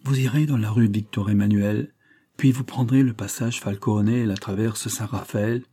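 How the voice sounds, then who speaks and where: A man's voice: fairly low pitch, steady tone, normal speed, mellow, slightly rough. A man reading a guarded young woman. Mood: hesitant. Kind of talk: audiobook reading.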